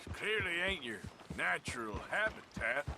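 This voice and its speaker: An actor playing a laconic, sardonic American cowboy in an Old West video game, terse and dry. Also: male voice, fairly high pitch, very animated, normal speed. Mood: dry, reserved. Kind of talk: video game western acting. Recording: very noisy outdoor horse and hoof sounds.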